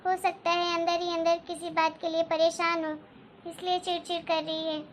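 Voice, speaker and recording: A woman's voice: extremely high pitch, level tone, normal speed, slight background noise. A woman voicing a sensible elder daughter-in-law who reassures and soothes in a cartoon story. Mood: reassuring. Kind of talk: Hindi cartoon story dialogue.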